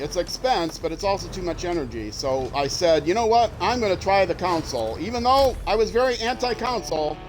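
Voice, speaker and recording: An older retired man whose voice sounds young and sits high chats casually as he streams a game, rambling with lots of fillers. The audio is poor.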